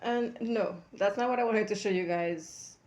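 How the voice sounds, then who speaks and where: In her home studio, a dressmaking vlogger chats casually into a tripod camera at normal speed, her mid-range voice darkish in tone, with a little hiss or hum on the recording. Her rambling is full of fillers and restarts, and she sounds a little congested, as though she has a cold.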